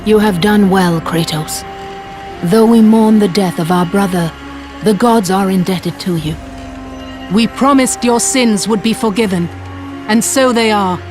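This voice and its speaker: A woman playing a regal, solemn goddess in a video game, speaking in a measured, formal way. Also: mid-range voice, natural voice. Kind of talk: dramatic video game acting. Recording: music underneath.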